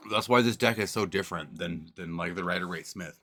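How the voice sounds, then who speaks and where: Man, very low voice, dry close sound, casual rambling stream talk, swears a lot, camera on the table at home. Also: fast, sharp tone, no echo. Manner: rambling, loose and profane, talks with mouth full at times. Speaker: streamer doing tarot readings. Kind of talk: casual livestream chat.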